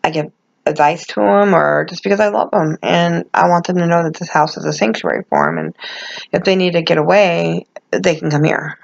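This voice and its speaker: A middle-aged woman talks casually to her viewers in a lowish, creaky voice. Her words have the soft, gummy shaping of someone speaking without teeth. She rambles candidly and pokes fun at herself. The recording is muffled and lo-fi. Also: lively intonation, moderate pace. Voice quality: toothless, gummy articulation without dentures. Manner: rambling, self-deprecating, candid. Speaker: vlogger. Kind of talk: casual chat to camera.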